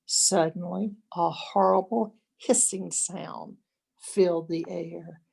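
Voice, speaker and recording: Older woman, slow husky storybook reader. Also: on the low side, steady tone, dark tone. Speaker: grandmother reading a picture book. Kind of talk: expressive children's storybook read-aloud.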